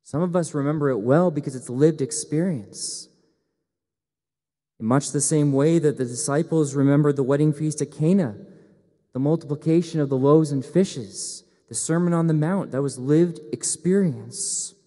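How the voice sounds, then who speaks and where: A man's voice: fairly high pitch, moderate pace, warm tone. A young man, a priest, preaching an earnest sermon at a lectern, speaking into a headset mic. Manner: earnest, gesturing, rising to emphatic appeals. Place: church sanctuary at a lectern, indoors. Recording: long church reverb.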